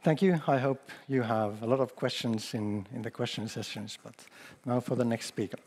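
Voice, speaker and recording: A man's voice: medium pitch, fairly even intonation, normal speed, very noisy. A man giving a casual conference talk, repeating his words and speaking with conviction. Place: event hall. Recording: long hall reverb from a public address system.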